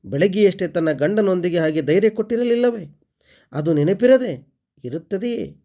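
A man's voice: high voice, animated, normal speed, dark tone. A man voicing a proud, hurt young housewife in a spoken story, with a tense, clipped inner voice.

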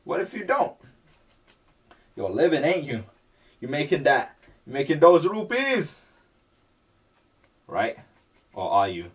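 A man's voice: a little high, very animated, takes it slowly, pauses often, recorded from a distance. A man vlogging casually while he paints, rambling and talking to himself.

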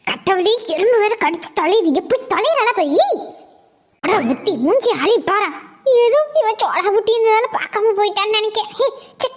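A woman's voice: very high-pitched, brisk. A woman playing a stingy, sneaky middle-aged village woman who mutters and grumbles to herself, in a comic skit. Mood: grumbling.

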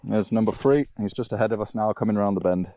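A man's voice: fairly low pitch, fast talker, dull audio. A man giving a live spoken tech demonstration outdoors on an action camera. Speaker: product demonstrator. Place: outdoors on a woodland bike trail. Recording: outdoor noise, clicks.

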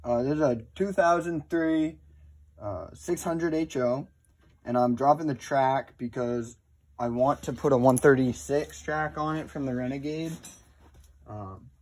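A man's voice: mid-range voice, measured pace, darkish tone. A young man narrating a casual, rambling how-to while working on a machine in an indoor garage, recorded on a handheld phone. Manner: rambling, offhand, with many fillers. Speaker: snowmobile DIY vlogger.

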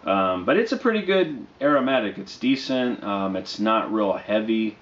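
A man in his thirties giving a casual, low-key product review to camera, speaking in a halting, unhurried way. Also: lively intonation. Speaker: pipe tobacco reviewer. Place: small dim living room, indoors. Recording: dull, roomy sound with faint noise.

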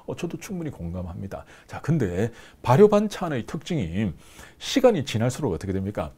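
A man's voice: lowish voice, wildly swooping pitch, fairly quick, darkish tone, husky. A man in his fifties giving a lecture to camera in a small studio on a lapel mic, explaining with many fillers and hand gestures. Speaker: business course instructor. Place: small indoor studio with screen backdrop.

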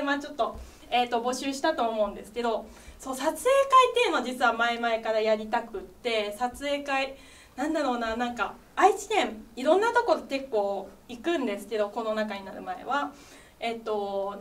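A young woman, an idol singer, chatting to the crowd between songs at a small live studio, bubbly and quick to laugh. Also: high voice, fairly bright tone. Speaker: idol singer doing stage talk. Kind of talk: live stage MC chat. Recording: distant live-room sound with faint ambience.

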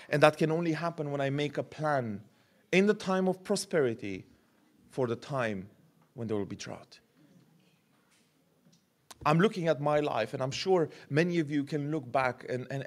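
A slightly high-voiced man in his thirties, serving as pastor, gives a sermon into a podium microphone. He is lively and gestures, with a habit of repeating words while building toward a point, in a church hall fronted by a curtained stage.

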